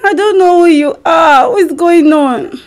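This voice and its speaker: A woman's voice: extremely high pitch, measured pace, pitched above the performer's own voice. A Nigerian-accented woman playing a confused wife with amnesia on a prank phone call, puzzled and full of questions. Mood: bewildered, lost. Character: confused wife feigning amnesia, bewildered and lost.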